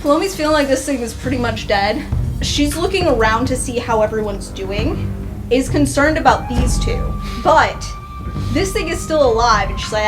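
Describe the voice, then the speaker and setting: A woman playing a tabletop game, with a fairly high voice. She talks with blunt, excited energy and swears casually. Clear music plays behind her. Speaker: player.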